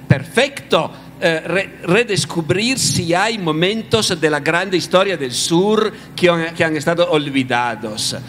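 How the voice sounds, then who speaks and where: A man speaks in a panel discussion, halting as he searches for words. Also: a little high, a bit bright, slight background noise.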